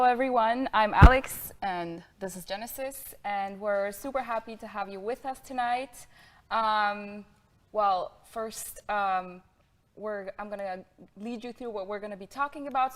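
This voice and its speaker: A young woman from Bulgaria gives a lecture in a smooth, clear voice. She is friendly and fills pauses with ums, then rushes ahead in quick bursts. The sound comes from a camera a little way off in a studio room. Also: medium pitch. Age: 20s. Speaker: guest lecturer. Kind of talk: presenting a lecture. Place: studio room with pink sofa.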